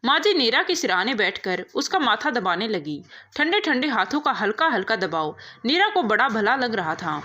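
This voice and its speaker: Lively woman narrating a moral story. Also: fairly high pitch, normal speed. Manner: reads every character herself, expressive.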